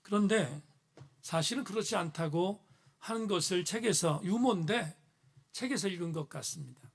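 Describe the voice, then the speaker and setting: A man with a notably high voice delivers a sermon as pastor. His phrases build in earnest emphasis and then settle. He is speaking in a church. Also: normal speed.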